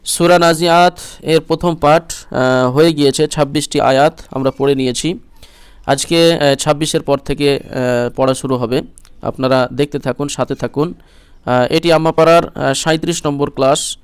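A man teaching Quran reading, with quick explanations between slow chanted verses. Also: fairly high pitch, fairly even intonation, clean tone, no room sound. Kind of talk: Quran recitation lesson.

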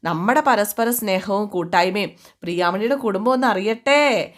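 A woman's voice: medium pitch, normal speed, lightly acted. A woman voicing an older village schoolmaster and worried father, eager and fussing. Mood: welcoming.

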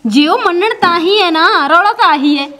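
A woman's voice: extremely high pitch, lively intonation, moderate pace, sharp tone, exaggerated voice. A woman playing a reassuring young village woman. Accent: Malwai Punjabi. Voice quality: consoling, matter-of-fact. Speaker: actor in a village short drama. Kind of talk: amateur village drama acting.

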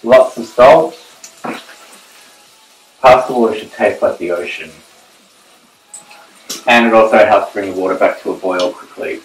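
A middle-aged man with a fairly low voice talks casually through a recipe as he cooks. The sound has a roomy echo from his home kitchen. Pots and cutlery clatter clearly around him. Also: a little slow, pauses often, a little hiss or hum. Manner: chatty, gives tips while working at the stove. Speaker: cooking show host. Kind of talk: casual cooking demonstration. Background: cutlery and pan clatter.

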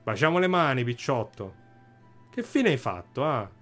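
A gruff older bandit chief with a put-on drawl, as a man acts him out, ending lines with a knowing "eh?". His voice swings widely in pitch. Soft game music plays faintly behind him. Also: sing-song, moderate pace. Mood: fatherly. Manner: drawling mafioso address, tags "eh?". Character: gruff old male bandit boss, mob-style.

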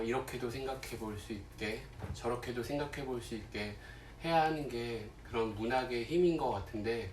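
Slow-talking man in an echoey room. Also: medium pitch, a little hiss or hum. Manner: halting, with long pauses and murmured asides. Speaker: livestream host. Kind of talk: casual chat to viewers. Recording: roomy echo, distant mic, faint music.

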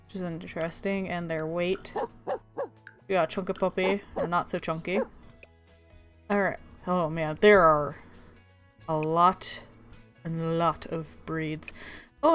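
A woman's voice: fairly low pitch, smooth. A young woman giving casual gameplay commentary as a channel host, chatty and gushing, cooing over the puppies on screen.

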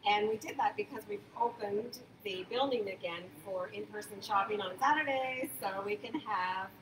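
A woman's voice: mid-range voice, moderate pace. Older woman talking in an echoey hall. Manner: chatty, enthusiastic, many fillers and restarts. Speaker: farmers market manager. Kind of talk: casual interview. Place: large indoor market hall. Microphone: phone camera a few feet away. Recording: echoey hall from a distance, background hum.

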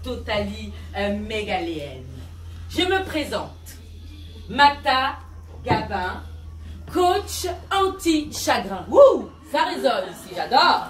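A woman's voice: fairly high pitch, very animated, takes it slowly, soft background music. A woman playing a grandiose self-esteem coach who preaches in a mock-solemn way, with a big cathedral-like echo around her voice. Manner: preachy mock-solemn call-and-response, mixes English jargon. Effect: big resonant cathedral-like echo. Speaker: stand-up performer. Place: large resonant venue. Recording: echoey room, mic far off.

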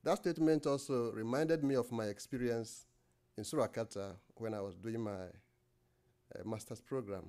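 Speaking into a podium mic inside a lecture room, a middle-aged guest lecturer from Nigeria has a medium, slightly mellow voice. His delivery is hesitant, with frequent pauses, many fillers, and restarted sentences.

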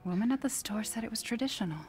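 A woman plays a guarded young mother in a video game, softly reading a dark bedtime tale. Her voice stays low and hushed, and music plays clearly behind her. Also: quick pace, natural voice. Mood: defensive. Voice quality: soft, hushed storytelling voice. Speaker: game character.

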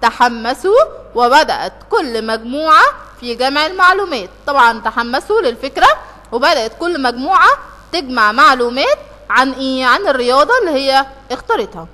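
A woman teacher with an Egyptian Arabic accent leads children through an exam review. She works step by step, asks questions and answers them herself, and recites verses slowly. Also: high-pitched, expressive, pushed and bright, in a large hall. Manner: recites verses in a slow, drawn-out way.

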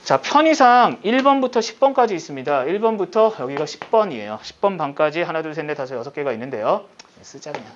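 Lively man teaching a lesson. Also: on the high side, dull audio, slight background noise. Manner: lively, asks many quick check-in questions. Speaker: high school Korean teacher. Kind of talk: recorded classroom lesson.

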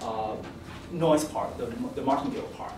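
A young man giving an academic presentation as a PhD candidate, with a halting, hesitant delivery and repeated words. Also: medium pitch. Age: young adult. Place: indoor seminar room. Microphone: distant camera microphone. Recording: echoey room, distant mic, faint noise.

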